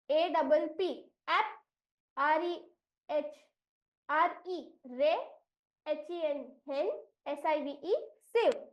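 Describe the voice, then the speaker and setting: A woman from India trains teachers in English reading, spelling words out slowly and mixing Hindi with English phrases. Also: high-pitched, dull audio. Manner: slow, deliberate spelling out of letters and syllables.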